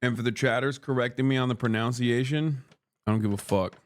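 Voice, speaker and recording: Eating on a live stream, a man from Turkey in his thirties reads his chat aloud, argues back, and swaps profane banter with viewers. He speaks briskly at a medium pitch.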